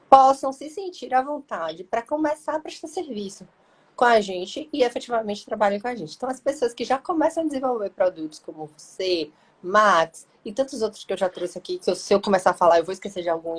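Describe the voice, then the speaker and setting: In a mid-range, slightly rough voice, a woman with a Bahian Brazilian Portuguese accent chats affectionately as host of a casual live-stream interview. A lawyer and mentor, she strings her thoughts into long, rambling sentences.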